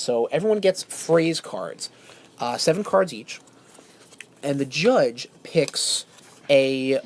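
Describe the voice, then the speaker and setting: A woman hosting a podcast game night, explaining rules in a rambling, self-amused way. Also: very deep voice. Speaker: podcast host, game judge. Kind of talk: casual podcast chat.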